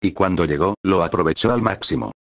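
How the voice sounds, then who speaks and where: A man narrating a fan fiction story in a steady storytelling manner. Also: sits low, fairly quick, vocal fry, no echo, studio quality.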